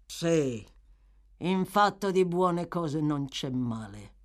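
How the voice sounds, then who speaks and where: A woman's voice: deep voice, animated, takes it slowly. A woman voicing a sick, bitter male thug who growls and snarls with contempt in a storybook reading. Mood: surly.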